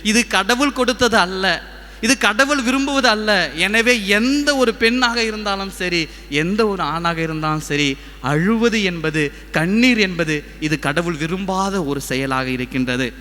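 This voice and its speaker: Bright-voiced priest preaching in a cathedral. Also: male voice, high voice. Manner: conversational preaching, acting out little dialogues. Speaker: assistant parish priest. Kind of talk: sermon. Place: large cathedral. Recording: echoey cathedral with long reverb.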